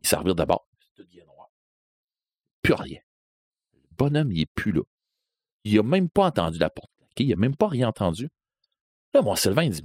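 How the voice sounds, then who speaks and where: A man's voice: medium pitch, no room sound. A man with a Québécois accent telling a spooky story in a casual, conversational way. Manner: lively, animated, conversational with fillers.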